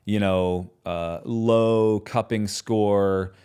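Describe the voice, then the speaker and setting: A man hosting his own podcast, talking in a passionate, conversational way and often tagging his points with quick questions. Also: lowish voice, steady tone, dark tone, clean tone. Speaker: podcast host and business founder. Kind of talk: solo podcast talk.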